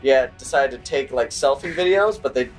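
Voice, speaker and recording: A man co-hosting a gaming video, telling stories in an animated, exasperated way and shouting at the game in bursts. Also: medium pitch, normal speed, faint music behind. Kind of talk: casual chat while playing a game.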